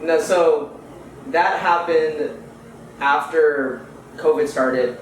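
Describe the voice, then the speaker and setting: A young podcast guest from Houston, United States, chats in a casual interview, laid-back and slangy with plenty of fillers. His voice is fairly high-pitched and he speaks extremely slowly. The recording is echoey, with faint noise and the mic far away.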